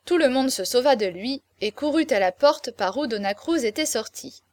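A woman reading a classic novel aloud as narrator, in clear, even storytelling. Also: high-pitched, normal speed, dry recording, studio quality.

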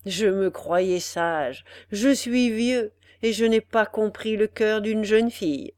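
A woman's voice: medium pitch, slow, darkish tone, dry recording, studio quality, close to an everyday voice. Woman reading a grave old captive nobleman. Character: old nobleman prisoner, weary, repentant.

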